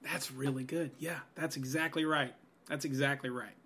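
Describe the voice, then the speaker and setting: A man's voice: mid-range voice, steady tone, moderate pace, a bit bright, breathy edge. A man in his thirties musing on growing older in a casual podcast chat, earnest and rambling, with many "you know"s. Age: 30s. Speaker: guest. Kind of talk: reflective podcast conversation.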